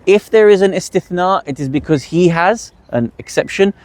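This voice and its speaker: Man teaching a workshop, slightly high voice. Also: lively intonation, moderate pace, a little mellow. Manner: asks the audience rhetorical questions, then answers them. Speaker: religious teacher leading a workshop. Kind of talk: explanatory teaching talk.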